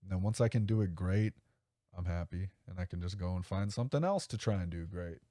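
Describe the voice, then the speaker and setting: A man's voice: low voice, a little fast, dark tone, no room sound, clean studio sound. A man hosting his own podcast solo, talking casually in a rambling, self-correcting, enthusiastic way. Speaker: podcast host.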